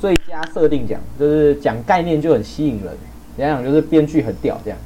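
A man's voice: fairly high pitch, crowd noise. A young man hosting a casual podcast chat, joking around and swearing often. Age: young adult. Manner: fast, joking, swears a lot. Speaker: podcast host.

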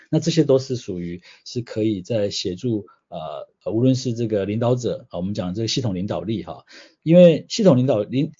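A man's voice: mid-range voice, mellow, slightly rough. A man, a guest explaining ideas patiently through everyday examples. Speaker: guest, systems change consultant. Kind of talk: explanatory interview answers. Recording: slightly dull audio.

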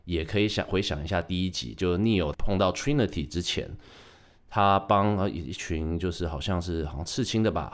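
A low-pitched man with a Taiwanese Mandarin accent talks through his podcast in a relaxed solo chat. He keeps it light with joking asides and corrects himself as he goes. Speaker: podcast host. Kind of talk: casual solo podcast talk.

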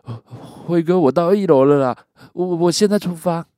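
A man's voice: medium pitch, moderate pace, dark tone, dry recording, clean studio sound, voice pushed up, close to an everyday voice. Man putting on a stammering terrified young guy. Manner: stammering, panicky.

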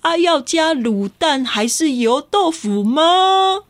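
Woman putting on a dithering almond man, slow drawl, sighing, lower than her usual, storybook voice. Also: lively intonation, dry recording.

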